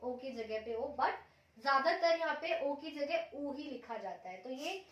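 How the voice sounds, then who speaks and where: High-voiced woman teaching patiently. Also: expressive, highs cut off. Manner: patient, repeats each example slowly. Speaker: Japanese language teacher. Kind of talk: explaining a lesson step by step. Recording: echoey room, mic at a distance.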